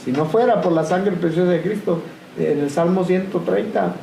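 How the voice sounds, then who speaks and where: A man giving an earnest, steady church talk. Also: sits high, moderate pace, creaky. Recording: distant mic in echoey room, faint noise.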